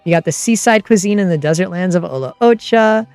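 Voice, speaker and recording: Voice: medium pitch, a little fast, a little mellow, smooth, no echo. Androgynous sounding streamer rambling casually about game rules, dry close audio, faint music underneath. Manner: chatty, rambling. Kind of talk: casual livestream chat, explaining tabletop game rules.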